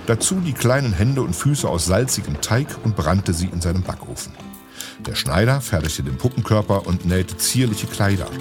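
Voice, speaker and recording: A man reading a storybook aloud in an expressive way. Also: on the low side. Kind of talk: storybook narration.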